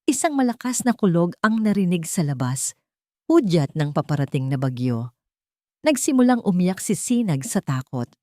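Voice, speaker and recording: A woman with a Filipino accent narrates a scripted dramatic story in a low-leaning, sing-song voice at normal speed. Her tone is darkish, and the studio recording is clean with no echo.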